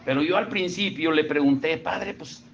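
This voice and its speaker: A man's voice: a little high, moderate pace, muffled recording, a little hiss or hum. A middle-aged man with a Mexican accent, a pastor giving a conversational sermon and asking his congregation questions. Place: church service.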